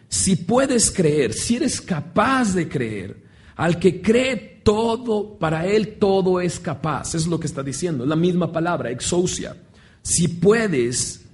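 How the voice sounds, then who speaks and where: A man's voice: a little high, a little mellow. A man preaching a sermon with passion, asking rhetorical questions and acting out the lines he quotes.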